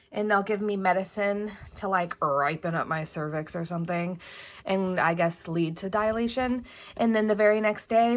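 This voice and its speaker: A woman's voice: medium pitch, a bit bright. A young pregnant woman vlogging at her home desk, chatty and rambling, a little out of breath. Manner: chatty, rambling, self-correcting. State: heavily pregnant, a bit out of breath. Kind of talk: casual planner vlog.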